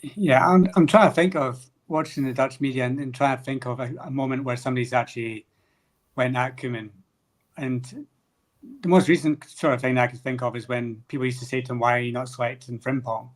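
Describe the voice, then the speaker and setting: A man's voice: mid-range voice, fairly even intonation, fairly quick. A man co-hosting a casual football podcast, talking loosely with lots of filler words. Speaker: podcast co-host.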